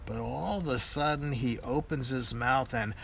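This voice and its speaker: An older man with a grandpa voice reads a children's picture book aloud in a deliberate storytelling manner. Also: medium pitch, creaky, very noisy.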